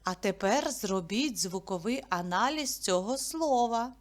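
A woman teacher with a slightly high voice talks very slowly. She asks easy questions and answers them herself, stretching each word so it is clear. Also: expressive. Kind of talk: slow, clear classroom lesson narration.

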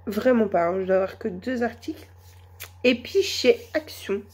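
A woman with a cold and a hoarse voice, chatting slowly and hesitantly through a shopping haul. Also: fairly high pitch, expressive, darkish tone. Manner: hesitant, many fillers, slow and chatty. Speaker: vlogger. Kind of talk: casual shopping haul vlog.

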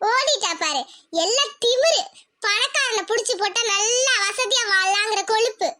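A woman's voice: very high voice, normal speed, background noise. A woman voicing an arrogant rich village girl in a cartoon, taunting and threatening her rival. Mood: scornful. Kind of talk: cartoon voice acting.

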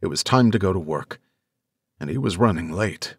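A man reading an audiobook in scripted narration, with measured, even storytelling. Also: low voice, breathy edge, dry recording.

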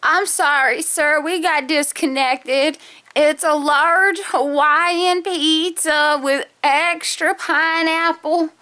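Woman doing a high, slow-talking old lady on a prank call, rambling and apologetic. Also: fairly even intonation, pushed and bright, heavily acted. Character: confused 87-year-old woman ordering pizza.

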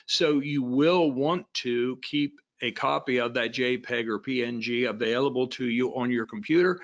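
In a muffled voice-over on a screen recording, a man with a medium-pitched, fairly bright voice walks through technical training slides. He explains things plainly, with frequent fillers and restarts.

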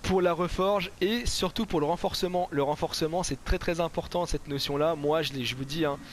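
A man's voice: on the high side, a little fast, a little hiss or hum. A man giving casual game commentary as host of a gaming video, chatty, informal and slangy.

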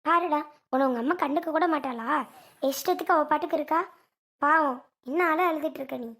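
A woman's voice: high-pitched, a little fast, fairly bright tone. A woman playing a fussy grandmother in a family comedy skit, who nags, complains and lectures. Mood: scolding. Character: fussy scolding grandmother, protective of baby.

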